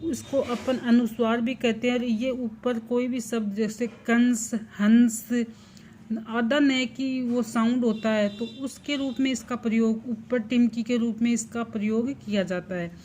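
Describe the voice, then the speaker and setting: A woman teaching a primary class, explaining slowly and deliberately, spelling out sounds one at a time and answering her own questions. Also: on the high side, fairly even intonation, a little mellow, a little hiss or hum. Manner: slow and deliberate, asks the class questions and answers them herself. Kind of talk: slow explanatory lesson.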